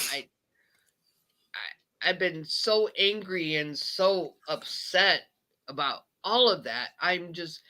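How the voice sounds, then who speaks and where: Slow, bright-voiced ranting woman. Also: lowish voice, rough recording. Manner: ranting, repeats itself and restarts sentences. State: emotional. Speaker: channel host. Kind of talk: impassioned monologue on a live chat.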